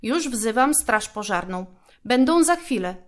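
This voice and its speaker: A woman voicing a calm emergency dispatcher giving instructions in a children's story. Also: on the high side, unhurried, voice pushed up.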